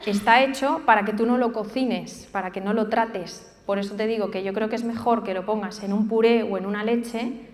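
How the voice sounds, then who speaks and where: Woman, middle pitch, informal explanatory answers, frequent checking tags, echoing hall. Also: fairly even intonation, normal speed, a little hiss or hum. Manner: explanatory, often checking with "vale". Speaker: nutrition specialist answering questions. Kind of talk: informal question-and-answer talk. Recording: echoey hall with long reverb.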